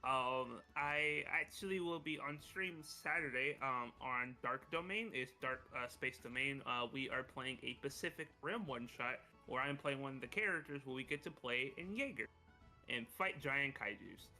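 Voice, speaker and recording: A man's voice: medium pitch, moderate pace, bright, forceful tone, soft background music. A man who played in the game, chatting in a friendly, easygoing way. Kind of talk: casual chat after a game.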